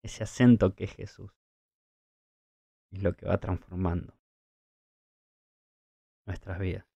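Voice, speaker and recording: A man's voice: deep voice, steady tone, slow, vocal fry, dark tone, husky, no room sound. A man co-hosting a podcast, telling Bible stories in reflective religious talk with a thoughtful storytelling manner. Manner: thoughtful storytelling with occasional chuckles. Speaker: podcast co-host.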